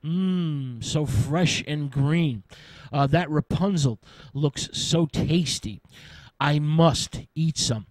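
A man's voice: a little high, takes it slowly, a little mellow, no room sound, rough recording. A man voicing a young wife in a fairy tale who craves a forbidden herb, speaking with pleading longing. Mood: craving. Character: craving, desperate young wife.

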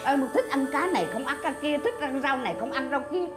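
An actress playing an older mother-in-law in a sitcom, who scolds sharply and consoles softly. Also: high voice, lively intonation, quick pace, echoey room, music in the background. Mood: scolding. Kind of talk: sitcom acting.

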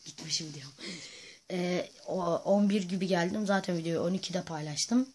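A male gaming host giving playful, excitable commentary over his own gameplay, often chanting silly repeated sounds. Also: high-pitched, normal speed, a little hiss or hum.

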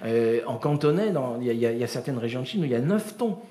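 A middle-aged man giving a comic storytelling lecture, animated and full of imitated voices and sounds, with many restarts. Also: mid-range voice, very fast, reverberant. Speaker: performer of a gesticulated lecture.

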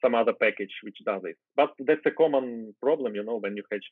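Speaking fairly quickly in a mid-range voice, a guest developer in his thirties whose first language is Ukrainian chats casually over a screen share, explaining his code. He restarts and uses fillers as he thinks aloud. The tinny, phone-like call audio is slightly rough and has no room sound.

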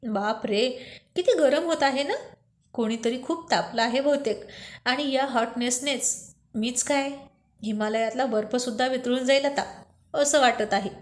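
A woman reading a teasing young boss, high and light. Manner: playful, coaxing lines read slowly. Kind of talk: storybook reading.

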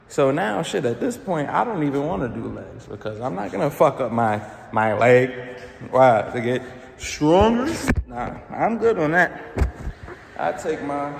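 A man in his twenties, with a slightly high voice and some vocal fry, vlogs casually on a phone held low at arm's length in a large indoor gym. He rambles and swears in frustration. The room is echoey, with a little hiss or hum.

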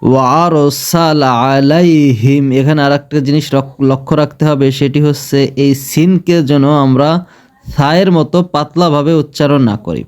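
A man with a Bangladeshi Bengali accent teaching Quran recitation step by step, chanting verses slowly and drawn out between quick explanations. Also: on the high side, fairly even intonation, darkish tone, clean tone. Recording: slightly dull lo-fi sound.

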